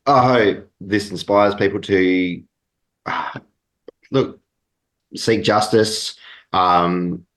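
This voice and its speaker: A man in his thirties or forties giving a casual radio interview as a guest, halting and understated. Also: on the low side.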